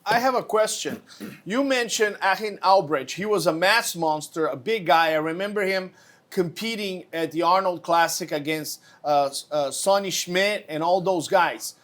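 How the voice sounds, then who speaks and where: A man's voice: high-pitched, normal speed, a bit bright. A man co-hosting an interview, talking casually and enthusiastically. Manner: enthusiastic, praising. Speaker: co-host.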